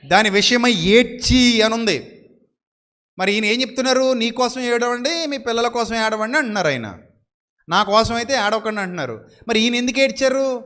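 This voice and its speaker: Man, preacher, high-pitched voice, sermon, rhetorical questions, drawn-out emphasis. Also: fairly bright tone. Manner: asks the listeners many rhetorical questions; slows down sharply to stress scripture phrases.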